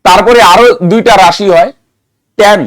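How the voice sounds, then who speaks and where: A man's voice: high-pitched, moderate pace, no room sound. Man, math teacher, raised voice, dry close sound, chants memory rhymes. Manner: rhythmic mnemonic chanting, asks students questions. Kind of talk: classroom lesson.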